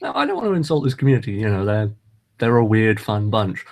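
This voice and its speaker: With a fairly low voice, big pitch swings, and a quick pace, a man hosts an informal podcast. His talk is rambling and halting, with frequent ums and restarts.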